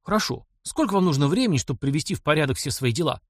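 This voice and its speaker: A man's voice: a little high, expressive, racing, dry recording, clean studio sound. A man voicing an elderly professor in an audiobook, eager and insistent, huffing when doubted. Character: elderly male professor, excitable and proud. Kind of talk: audiobook character reading.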